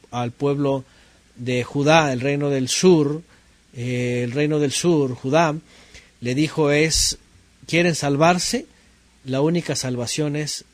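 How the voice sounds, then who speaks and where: A man teaching a Bible class, asking his listeners questions and rereading verses slowly with emphasis. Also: fairly high pitch, no room sound.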